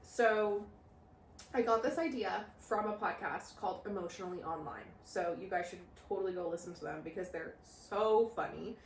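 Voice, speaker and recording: A woman's voice: medium pitch, moderate pace, roomy sound, slight background noise. A woman in her late twenties co-hosting a podcast in casual chat, talkative, giggly and teasing. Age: late 20s. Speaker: podcast co-host.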